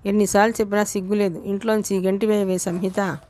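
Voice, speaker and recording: Give me a woman putting on a quarrelsome young woman shouting fast complaints, in a storybook reading. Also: medium pitch, flat delivery, natural voice. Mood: angry.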